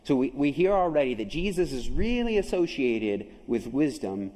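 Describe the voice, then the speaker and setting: Pastor with a mellow voice preaching in a chapel. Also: male voice, mid-range voice, sing-song, normal speed, big-room sound, low-quality recording. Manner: emphatic, asks the audience questions. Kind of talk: sermon.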